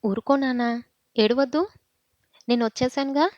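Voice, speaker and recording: A woman voicing a gentle, worried older father who soothes his son, in a dull, dry recording. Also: high voice, normal speed, no room sound, natural voice. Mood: soothing.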